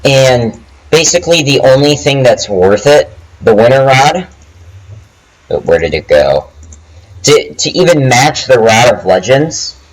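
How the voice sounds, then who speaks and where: A man casually hosting a game tutorial, chatting with ums and restarts, recorded on a cheap low-quality headset microphone at home. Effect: low quality microphone audio. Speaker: gaming video host. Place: home, dogs nearby.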